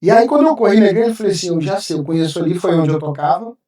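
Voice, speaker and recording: A pastor appearing as a podcast guest gives an emotional personal testimony, vividly acting out words he once said. His voice sits high and dark, delivered rapid-fire, and the mic is at a distance, giving a roomy sound.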